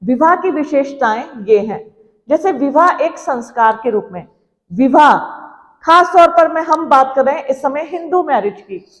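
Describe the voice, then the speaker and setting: High-voiced woman lecturing a class. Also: animated, moderate pace, big-room sound, poor audio. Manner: earnest, preachy, acts out parents' voices. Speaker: teacher.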